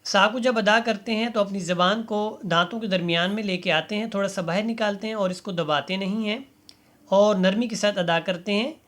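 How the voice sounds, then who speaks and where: A man's voice: high voice, fairly bright tone. Patient man teaching letter recitation. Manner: slow drawn-out letter recitation between explanations; patient instructive tone, asks learners to repeat. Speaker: Quran reading teacher. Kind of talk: step-by-step recitation lesson.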